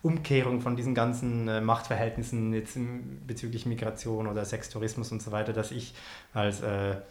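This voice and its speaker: A man from Switzerland with a Swiss accent, a podcast guest telling stories in a relaxed way with many fillers. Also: mid-range voice, fairly quick. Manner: relaxed storytelling with frequent fillers. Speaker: podcast guest, performance artist. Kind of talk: casual conversation. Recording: roomy echo.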